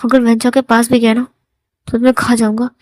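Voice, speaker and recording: A woman voicing a devoted and possessive young man who answers in short, quiet replies. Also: fairly high pitch, little pitch movement, moderate pace, no room sound, natural voice. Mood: jealous.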